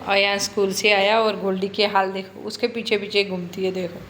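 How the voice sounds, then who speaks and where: A woman's voice: medium pitch, little pitch movement, normal speed, noisy background. A woman narrating her day at home in a chatty family vlog, coaxing her pet now and then. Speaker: family vlogger.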